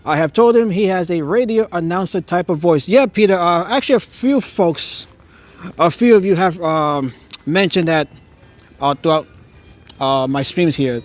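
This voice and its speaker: Walking a neighborhood street outdoors at night, a man live-streams a tour of holiday lights using a phone on a handheld gimbal. His high-pitched voice, at normal speed with no room sound, is full of awe, with frequent chuckles and an occasional stammer.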